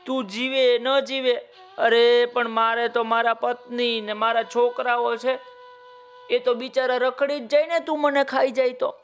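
A man's voice: very high-pitched, level tone, a little slow, a bit bright, clean tone, faint music behind, pitched above the performer's own voice, heavily acted. A man doing a wary, frightened farmer. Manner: nervous, refusing, protective of family.

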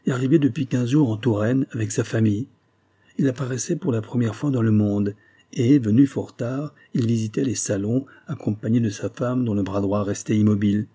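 A man reads a classic story aloud in a measured, steady narration. His voice is low and husky, with a dark, mellow warmth. The delivery stays even and unhurried. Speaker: audiobook narrator. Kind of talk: literary audiobook narration.

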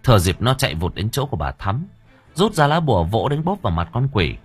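A man narrating an audio story in a vivid, expressive way. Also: on the low side, a little fast, husky, soft background music.

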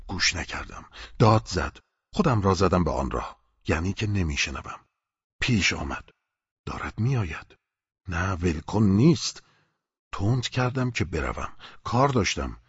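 A man narrating a literary audiobook in a measured, reflective first-person reading with a husky voice. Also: fairly low pitch, no room sound, muffled recording.

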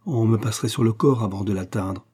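A hearty, loyal middle-aged farmer, jovial and earnest, with a low, mellow voice, as a man reads him. He talks plainly and warmly in this storybook reading. The sound is slightly husky. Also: brisk.

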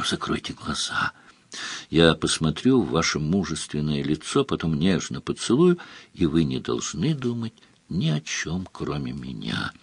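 A playful, scheming countess from an audiobook, all teasing and coy flirtation, as a man puts her on. The voice is husky and rises and falls in a lively way. It sounds close and dry, with no room around it. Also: sits low, no echo, full character voice.

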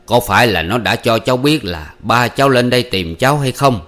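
A man playing a calm, shrewd old man. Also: mid-range voice, lightly acted. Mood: probing. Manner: slow, probing, deliberate.

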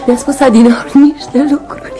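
An actress playing a flighty, sentimental young maid in a radio play, breathless and swooning. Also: female voice, sits high, fairly even intonation, over music, close to an everyday voice.

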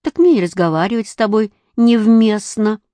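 A woman voicing a haughty young tsarevich boy who speaks slowly in a lofty, old-fashioned way. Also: a little high, animated, a little mellow, dry recording.

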